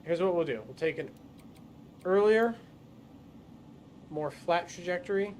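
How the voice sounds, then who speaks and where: A man's voice: sits high, measured pace, darkish tone, slight background noise. A man livestreaming a rocket game, thinking aloud and talking himself through each move. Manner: self-muttering with fillers and restarts. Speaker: gaming livestreamer. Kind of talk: casual live gameplay commentary.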